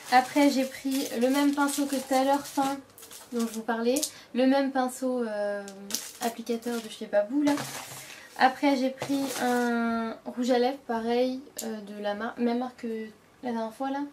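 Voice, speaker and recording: Young woman beauty vlogger, rambling and casual, slightly high voice, recorded at home with clear background noise. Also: fairly even intonation, a little slow. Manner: chatty, many fillers and self-corrections. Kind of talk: casual product show-and-tell.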